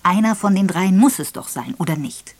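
A woman voicing a gruff, impatient, wealthy old invalid man who talks loudly and quickly in an audiobook. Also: lowish voice, lively intonation, dry recording. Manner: brusque, loud and quick.

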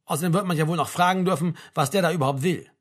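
A man's voice: a little high, racing, natural voice. A man reading a novel aloud, voicing a sour, pedantic know-it-all.

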